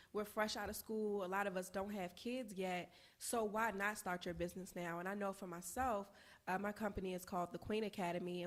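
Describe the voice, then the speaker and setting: Upbeat young woman podcast host. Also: mid-range voice. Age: 20s. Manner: upbeat, laughs at herself. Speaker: co-host and business owner. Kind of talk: casual podcast chat.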